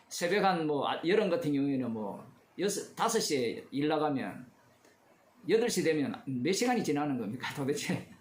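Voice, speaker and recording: Lively Korean pastor preaching in an echoey room. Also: male voice, fairly high pitch, a little hiss or hum. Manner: conversational, asks the congregation questions, chuckles. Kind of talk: expository sermon. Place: church.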